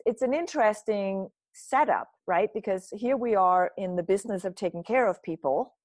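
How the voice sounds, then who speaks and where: Her voice is low with a darkish tone and no echo. As a guest interviewee, this nutrition author and speaker from Denmark gives thoughtful, sincere answers, frequently starting over and tagging phrases with "right?"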